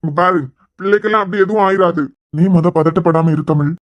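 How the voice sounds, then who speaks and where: A woman's voice: lowish voice, fast talker, natural voice. A woman voicing a worried, scolding older father in a cartoon series, with a Kanyakumari Tamil accent. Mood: concerned. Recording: dull lo-fi sound.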